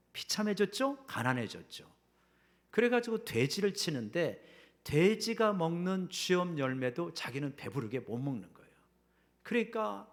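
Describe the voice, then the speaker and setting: Animated Korean pastor preaching a sermon. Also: male voice, on the high side, gravelly. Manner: animated preaching, acts out quoted parable voices, drops to a whisper at key lines. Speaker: senior pastor. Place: church sanctuary.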